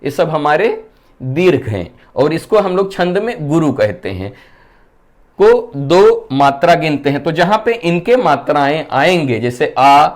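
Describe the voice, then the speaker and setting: A male Hindi teacher giving a classroom-style lesson. He asks the class questions, answers them himself in a lower voice, and keeps checking that they understand. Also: very animated, a little slow. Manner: keeps checking whether students have understood.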